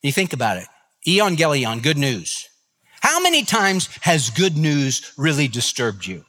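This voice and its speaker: A man's voice: fairly high pitch, huge pitch swings, a little slow, bright, forceful tone, in a large hall. A man preaching a sermon as a pastor, retelling a story with emphatic repetition.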